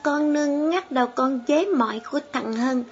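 A woman's voice: normal speed, highs cut off, soft background music, natural voice. A woman voicing an eager young village girl, telling on others in a chatty way. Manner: high, chatty.

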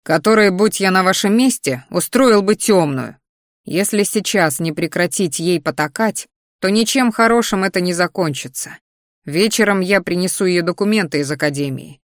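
A woman's voice: lowish voice, lively intonation, moderate pace, dry recording, clean studio sound, natural voice. A woman voicing a stern young male mage who talks to his family in a growling, sarcastic way.

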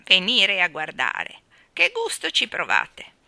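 Reading aloud in a lowish, creaky voice with huge pitch swings, a woman fully takes on the character of a fond, trembling old balloon seller. Doting and wistful, her quavering voice stretches words in a drawn-out sing-song and calls out loud endearments, in a dry recording.

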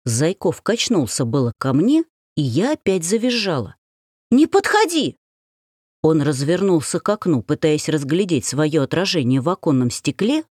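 A woman narrating a first-person story aloud as an audiobook, with expressive delivery. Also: low-pitched, slightly rough, dry recording, studio quality.

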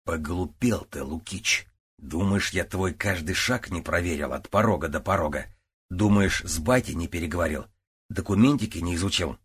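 A male narrator reads a gruff, commanding older police captain in a storybook. He is brusque and blunt, and his voice is very low and husky. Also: moderate pace.

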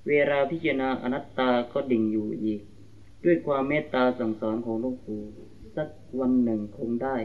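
A man reads a letter aloud in a formal, even voice. He sits some way off the microphone. The sound is thin and phone-like, like an old tape copy. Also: mid-range voice, moderate pace. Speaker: reader of a disciple's letter. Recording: distant, tinny lo-fi archival tape.

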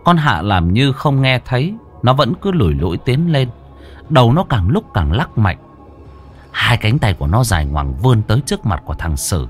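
A man's voice: medium pitch, sing-song, moderate pace. A man narrating a ghost story in a dramatic, scripted style. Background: faint music.

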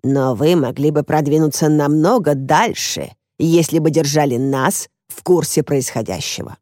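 A sharp-witted woman of seventy-seven, voiced by a female narrator in an audiobook, brisk and sure of herself. The voice sits low and dark, recorded dry and close. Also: dry recording, lightly acted. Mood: confident.

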